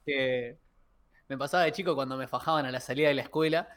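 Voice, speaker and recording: A man with a Rioplatense Spanish accent co-hosting a podcast, telling stories in a lively way and acting out the dialogue, recorded over a video call. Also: medium pitch, fast talker. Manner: lively storyteller who acts out dialogue. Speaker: podcast co-host. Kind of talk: casual chat, storytelling.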